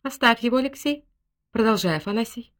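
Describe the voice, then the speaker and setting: Капризная генеральша, которую играет чтица, говорит высоко, визгливо и театрально. Она то таинственна, то жалуется на судьбу. Персонаж аудиокниги со склонностью к драме. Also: female voice, a little fast, a bit bright, lightly acted. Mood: triumphant. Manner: high, shrill, dramatic exclamations. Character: capricious general's wife, shrill, theatrical, self-pitying.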